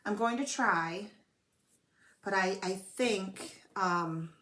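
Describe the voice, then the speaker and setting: A woman's voice: medium pitch, drawn-out words, bright, forceful tone. Woman host, home stitching chat, rambly and self-deprecating, a bit under the weather from a cold. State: coughing from a cold. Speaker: flosstube host. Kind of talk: casual show-and-tell chat. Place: home room with blanketed windows.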